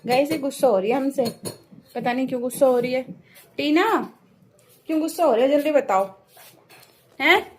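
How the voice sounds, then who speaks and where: A chatty young woman filming a casual home vlog on her phone, calling her viewers guys and cooing at her cats. Her voice sits somewhat high, with a faint hum of room noise behind it. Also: normal speed, pauses often. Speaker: vlogger. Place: home and street outside after rain.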